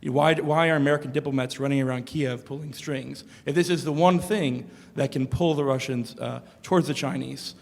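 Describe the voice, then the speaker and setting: Male audience member, hoarse and gravelly, halting question, reverberant hall. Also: medium pitch, steady tone, a little mellow. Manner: halting, many filler sounds. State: losing his voice. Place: lecture hall.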